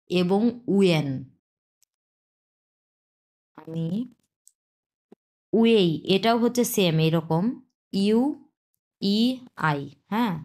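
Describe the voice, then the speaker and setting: Woman, lowish voice, language teacher, drills sounds again and again, patient checking-in. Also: a little mellow. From Bangladesh. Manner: repeats sounds slowly and stresses them, checks in with "হ্যাঁ?". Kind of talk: pronunciation lesson.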